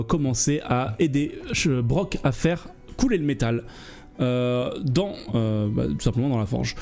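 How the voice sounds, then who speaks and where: Male game master, medium pitch, explaining rules casually and haltingly, soft music underneath. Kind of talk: casual tabletop game narration.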